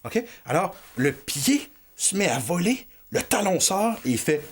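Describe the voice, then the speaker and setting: A man's voice: sits high, a little slow, noisy background. A man with a Québécois accent telling an improvised story to children, playful and talking straight to his young listeners. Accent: Québécois French. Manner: animated, playful, talks to the children directly.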